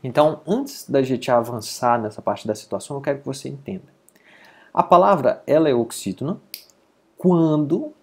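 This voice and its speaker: A man's voice: medium pitch, darkish tone. A man with a Brazilian Portuguese accent teaching an online grammar lesson, explaining patiently and often checking that listeners follow.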